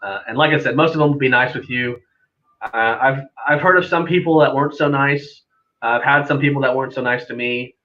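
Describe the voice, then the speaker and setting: In a muffled recording, a man talks briskly in a sharp-toned, mid-range voice. He's an air traffic controller guesting on a live stream, casually explaining things and telling anecdotes in a friendly, conversational way.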